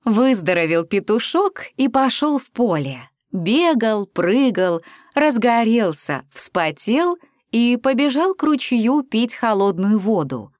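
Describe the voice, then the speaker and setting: A woman reading a children's fairy tale aloud in an expressive, sing-song way. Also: on the high side, slow, no room sound, clean studio sound. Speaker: storyteller.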